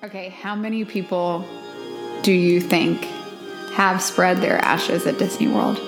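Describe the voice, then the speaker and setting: A woman's voice: on the low side, steady tone, unhurried, vocal fry, music in the background. A woman chatting casually as a co-host, telling stories with lots of restarts and asides. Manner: chatty, storytelling, self-interrupting. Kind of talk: casual chat.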